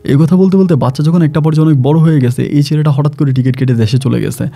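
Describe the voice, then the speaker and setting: A migrant worker who is a gardener casually tells a first-person story from his working life, rambling and often repeating himself. His voice is on the high side, creaky and dark in tone, and he talks fast.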